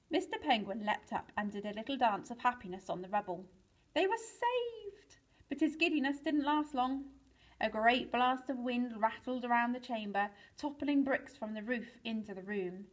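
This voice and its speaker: A woman, a teacher, reading a children's book aloud to pupils in a lively storytelling way, with big swings for the exciting parts. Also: on the high side, normal speed, low-quality recording.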